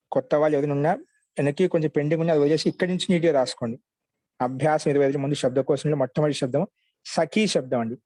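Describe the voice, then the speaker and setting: A male teacher giving a grammar class, patiently repeating word forms slowly so students can write them down. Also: fairly high pitch, warm tone, no room sound.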